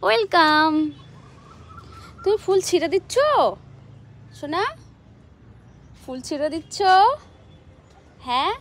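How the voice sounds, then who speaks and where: High-voiced mother coaxing her toddler. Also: expressive, slow pace, pauses often. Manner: sing-song, coaxing tone for a small child. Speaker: mother and vlogger. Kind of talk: talking to a toddler while filming. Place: rooftop garden outdoors.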